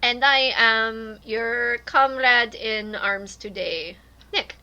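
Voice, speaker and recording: A woman's voice: a little high, slow, bright, forceful tone, lo-fi sound. A woman co-hosting a casual podcast, playful and jokey, repeating her catchphrases. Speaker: podcast co-host.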